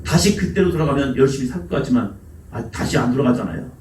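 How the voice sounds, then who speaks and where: Lively Korean pastor preaching in church. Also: male voice, medium pitch, fast talker, a little hiss or hum. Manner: lively preaching, acts out God calling with raised voice. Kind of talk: sermon. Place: church sanctuary. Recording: roomy church sound from a distance.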